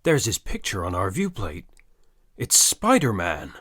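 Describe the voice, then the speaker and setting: A man voicing an authoritative superhero team leader with a husky voice in an amateur comic-book dub. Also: sits low, wildly swooping pitch, unhurried, a crowd in the background, heavily acted. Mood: alert.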